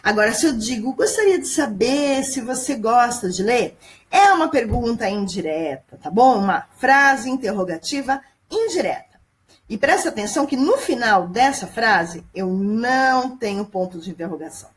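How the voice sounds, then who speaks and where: A woman's voice: fairly high pitch, animated, normal speed. A woman teacher, giving a patient grammar lesson over a screen recording and checking in with her students. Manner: patient, explanatory, constant check-ins with students. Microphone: computer mic at home screen recording.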